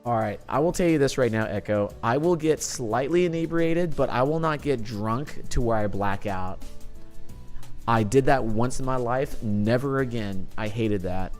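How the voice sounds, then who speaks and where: Young guy streamer telling wild stories to chat, mid pitched voice, cusses a lot, bit of music under it. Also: moderate pace. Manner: animated storytelling, swearing, acting out friends' lines. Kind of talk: casual chat to live chat.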